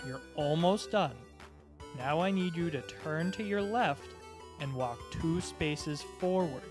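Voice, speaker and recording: Man playing a chirpy disembodied instructional-video narrator over music. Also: a little high. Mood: encouraging. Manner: slow, simple, encouraging, talking as if to a child. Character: cheerful disembodied male instructional-video voice, patient and encouraging.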